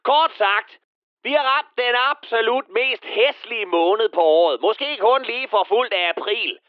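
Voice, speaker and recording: A man's voice: very high-pitched, lively intonation, no room sound, phone-quality sound. A man playing a bitter, misanthropic middle-aged man, delivering a crude, sneering satirical radio monologue. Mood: sneering rant. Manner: venomous, crude, sneering rant. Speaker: comedy character.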